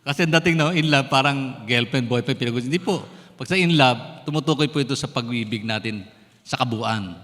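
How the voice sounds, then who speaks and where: A man's voice: mid-range voice, brisk, a bit bright. Filipino pastor guy preaching, keeps asking the crowd questions, long church reverb. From Philippines. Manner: mixes English phrases into Tagalog, asks the congregation questions. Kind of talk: sermon. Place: church sanctuary.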